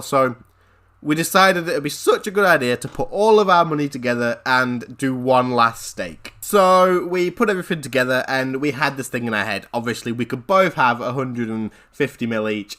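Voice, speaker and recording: A gaming channel host tells a story-time vlog in an animated, rambling style, repeating phrases. His voice is mid-range.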